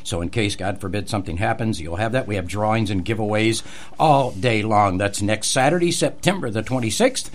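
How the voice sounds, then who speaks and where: A man hosting a radio talk show, folksy and quick to laugh. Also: lowish voice.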